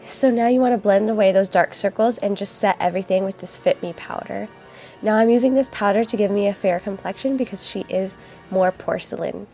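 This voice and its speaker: A young woman with a raspy, hoarse voice from a cold, chatting casually through a makeup tutorial voice-over. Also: medium pitch, a little fast, mellow. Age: young adult. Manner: chatty and upbeat, addresses viewers as guys. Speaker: beauty vlogger. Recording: voice-over with faint music behind.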